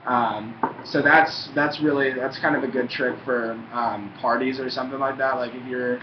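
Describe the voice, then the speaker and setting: A man's voice: medium pitch, fairly even intonation, normal speed. A young man chats casually and rambles, swearing in a laid-back way, his lip packed with chewing tobacco. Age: young adult. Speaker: tobacco review vlogger. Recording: muffled, roomy, faintly noisy home recording.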